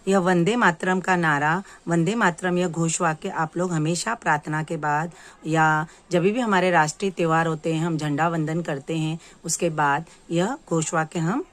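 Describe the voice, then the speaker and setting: A woman teaching young children, reading words aloud slowly for them to repeat and explaining each one patiently. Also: lowish voice. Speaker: primary school teacher. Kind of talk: slow, clear classroom lesson for young children.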